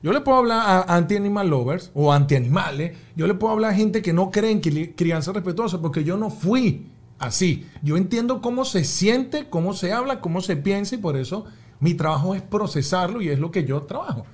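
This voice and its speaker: A man, a father and podcast guest, telling a personal story in an emphatic, animated way, acting out the shouts he describes. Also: high-pitched, fairly quick. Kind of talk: conversational storytelling.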